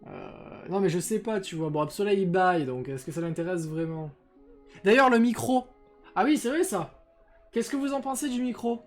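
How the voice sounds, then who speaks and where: A man's voice: high-pitched, expressive, normal speed. Young man, casual live-stream chat, rambling with fillers, crude slang, faint music behind. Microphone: desk microphone with noise filters.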